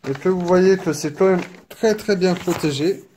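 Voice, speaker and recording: A man casually presenting a collector's edition, chatty and apologetic, filling pauses with little interjections. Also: high-pitched, mellow, a little hiss or hum. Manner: unhurried, chatty, filler-heavy with frequent "hop" and "donc"; apologetic and self-deprecating. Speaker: unboxing video creator. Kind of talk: casual unboxing commentary. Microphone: camera mic, filming one-handed.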